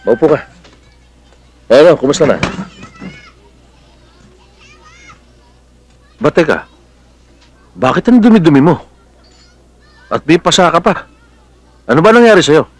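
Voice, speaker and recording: A man's voice: on the high side, sing-song, normal speed, long pauses, no echo, faint music behind. An actor playing a protective, hot-headed middle-aged policeman uncle in a Filipino film drama, with a Filipino accent and a blustery, affectionate manner. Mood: warm, delighted. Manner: blustery, scolding yet affectionate.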